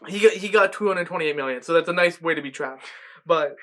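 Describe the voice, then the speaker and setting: A man's voice: fairly high pitch, brisk, pushed and bright. A man co-hosting a casual sports podcast, ranting with lots of fillers and restarts. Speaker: podcast co-host.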